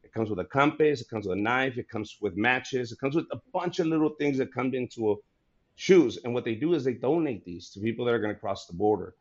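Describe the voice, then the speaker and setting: A man in his forties, a comedian, chatting casually and telling stories in an animated, laughing way. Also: medium pitch, fairly quick, highs cut off. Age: 40s. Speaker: comedian guest. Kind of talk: casual podcast chat.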